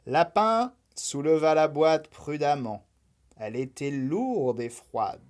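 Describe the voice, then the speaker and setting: Woman, bedtime story reader, slow, very expressive intonation, gentle. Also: low voice. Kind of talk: children's story reading.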